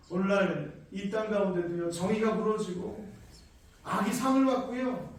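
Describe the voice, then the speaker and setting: A male pastor preaching a sermon, emphatic, full of rhetorical questions. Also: high-pitched. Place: church prayer room. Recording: very echoey room, far mic, faint hiss.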